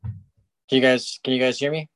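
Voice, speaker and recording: A man's voice: medium pitch, flat delivery, a little fast, a bit bright, smooth. A man calling into a casual sports podcast from his phone, the audio glitching and breaking up as he speaks hesitantly. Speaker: podcast co-host.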